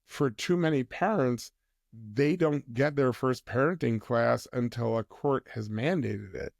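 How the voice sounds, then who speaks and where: A man speaking as a mental health counsellor guest on a podcast, explaining in a measured way. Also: mid-range voice, gravelly, darkish tone, no echo, clean studio sound. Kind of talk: podcast interview conversation.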